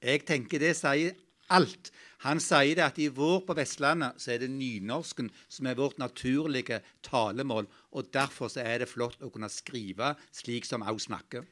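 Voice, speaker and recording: A man speaking as a local politician, making a confident, quick point in a panel debate. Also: medium pitch, a bit bright.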